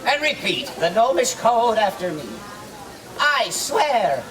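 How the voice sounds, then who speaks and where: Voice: mid-range voice, very animated, takes it slowly, recorded from a distance. A performer playing a jolly, mischievous Christmas gnome, teasing and exclaiming in theatrical live storytelling to a crowd. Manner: playful, teasing, sing-song, exclaiming. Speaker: costumed storyteller. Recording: noisy outdoor crowd, voice from afar.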